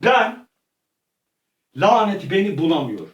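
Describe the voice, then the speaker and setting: A man improvising a dramatic scene, narrating it play by play and repeating his phrases over and over, turning frantic when he shouts. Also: high-pitched, very animated, slow. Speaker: storyteller playing out a scene. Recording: echoey room, voice far from mic.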